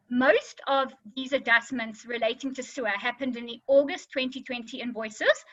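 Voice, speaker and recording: Lady lawyer on a webinar, bright highish voice, bit slurred, dry muffled call sound. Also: no echo. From South Africa. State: slight slur from dental work. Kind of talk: webinar presentation.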